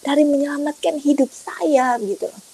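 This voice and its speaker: A woman telling her personal faith testimony in an animated, emphatic way, speaking colloquially and often acting out what people said. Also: high-pitched, moderate pace, creaky, low-quality recording. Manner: animated, emphatic storytelling with acted-out quotes; colloquial and repetitive. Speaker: guest giving a testimony.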